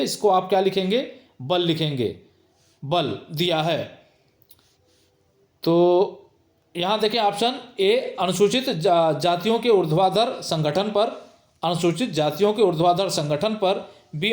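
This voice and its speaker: A man with a high, light voice teaches an exam-prep lecture, reading each multiple-choice question aloud twice and then stressing the correct option. He sounds middle-aged, and his voice rings in a roomy, echoing space. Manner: reads each question twice, then gives the answer with emphatic repetition. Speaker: sociology teacher.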